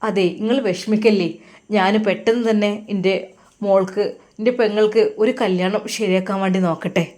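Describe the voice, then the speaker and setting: A woman doing a gentle consoling brother. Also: medium pitch, fairly even intonation, moderate pace, natural voice. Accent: Malappuram Malayalam. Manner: gentle and reassuring. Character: calm consoling young man, a bride's brother.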